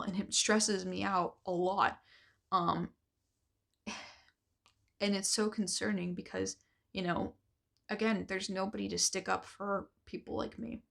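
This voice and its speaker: A woman's voice: mid-range voice, vocal fry, a bit bright. A young woman author talking earnestly in a casual vlog, rambling with many fillers and losing her voice. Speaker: author and vlogger.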